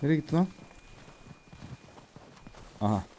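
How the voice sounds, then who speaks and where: A man streaming a game, chatting casually to himself, reading prompts aloud with a Turkish accent and softly calming his horse. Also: on the high side, a little slow, slight background noise. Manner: repeats soft calming words. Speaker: gaming streamer. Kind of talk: casual let's-play commentary.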